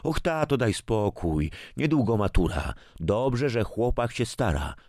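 A man's voice: sing-song, a little slow, darkish tone, dry recording, studio quality. A man doing a busy, exasperated mother. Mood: placating. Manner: scolding, raised falsetto.

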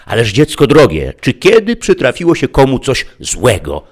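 A man voicing a sly, smooth-talking male stranger who tempts a child with coaxing words. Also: medium pitch, huge pitch swings, moderate pace, pitched above the performer's own voice.

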